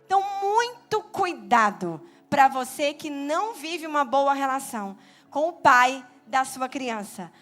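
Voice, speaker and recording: A Brazilian woman in her thirties preaching a Sunday sermon in church, animated and acting out little quoted voices. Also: high voice, a little slow, soft background music. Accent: Brazilian Portuguese. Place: church sanctuary.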